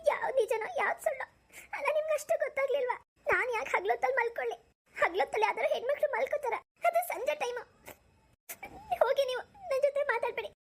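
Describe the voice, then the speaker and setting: A woman voicing a shrill tearful young bride. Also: fast. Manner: tearful, reproachful. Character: young newlywed bride, hurt and weepy. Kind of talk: cartoon voice acting.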